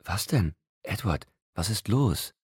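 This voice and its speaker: A man voicing a tender, excited young pregnant woman in an audiobook, with a soft, emotional delivery. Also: lowish voice, slow pace, breathy edge, no room sound, studio quality, voice pushed up, full character voice. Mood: puzzled.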